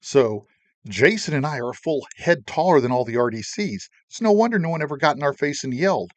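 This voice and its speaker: A man's voice: a little high, lively intonation, a little fast, no room sound. A man hosting a show and narrating his own memories in a plain-spoken, wry way, mixing history and personal story. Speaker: podcast host and narrator.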